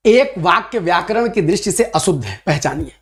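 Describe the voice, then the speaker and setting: A man teaching a Hindi grammar class for an exam, lively and playful, reading out comments and answering them. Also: high voice, normal speed. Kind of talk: online exam-prep class.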